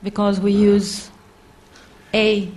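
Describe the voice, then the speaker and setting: A woman in the audience asking a question, hesitant and full of pauses and fillers. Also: mid-range voice, level tone, darkish tone. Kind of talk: question from the floor.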